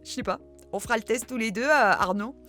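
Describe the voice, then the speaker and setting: A woman's voice: fairly high pitch, brisk, pushed and bright, soft background music. A middle-aged woman hosting a reading channel, chatting casually and poking fun at herself as she answers viewer questions, with lots of hesitant fillers. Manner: chatty, self-deprecating, many hesitant fillers.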